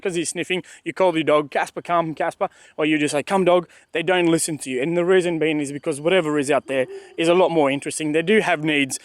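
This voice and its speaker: A man's voice: a little high, no echo. Emphatic man teaching dog training. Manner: emphatic, repeats points, acts out the dog's thoughts. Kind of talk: casual instructional talk. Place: outdoors at a dog park.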